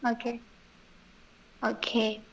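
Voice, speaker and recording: Woman student, online class, fairly high voice, polite and hesitant. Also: monotone, slow pace, creaky, slight background noise, poor audio. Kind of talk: practicing service phrases in class.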